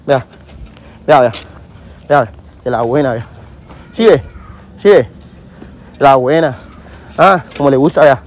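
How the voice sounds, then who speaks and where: A man's voice: medium pitch, lively intonation, takes it slowly, long pauses. A man, running a street prank and pushing insistently, repeating himself again and again. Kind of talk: hidden-camera street prank.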